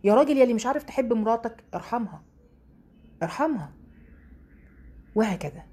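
A woman with an Egyptian Arabic accent leads a casual Quran study lesson for women, chatting with many rhetorical questions and slowing to recite verses. Her fairly high voice has lively intonation, a mellow tone and a breathy edge.

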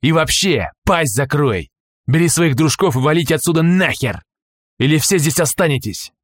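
A man's voice: high-pitched, very animated, moderate pace, fairly bright tone, no room sound, clean studio sound, pitched above the performer's own voice. A man voicing a rude, threatening male caravan guard in an audiobook. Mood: barking. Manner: barking, threatening.

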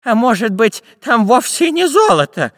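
A man voicing an anxious, fussy professor in a high, fretful voice. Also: big pitch swings, moderate pace, a bit bright, dry recording, clean studio sound, big-room sound, heavily acted. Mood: doubtful.

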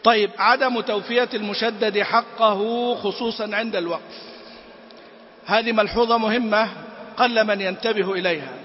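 A man leads a tajweed lesson in a high voice. He chants words to demonstrate each sound, then breaks off with brisk corrections and short questions to his listeners. The recording is dull and lo-fi, with a long hall-like reverb. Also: steady tone, a little hiss or hum. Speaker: Quran recitation teacher.

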